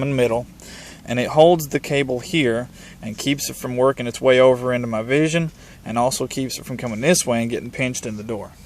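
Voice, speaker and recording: Working in and around a parked pickup truck, a hobbyist with a medium-pitched voice demonstrates how to put in a vehicle radio. He keeps it informal and plain-spoken, breaking the job into steps, while a little hiss or hum sits in the audio.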